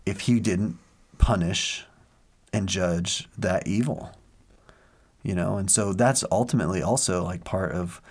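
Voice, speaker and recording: A man's voice: low voice, unhurried. Earnest man rambling through a faith chat. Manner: earnest, rambling storyteller with many fillers. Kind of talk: casual faith discussion.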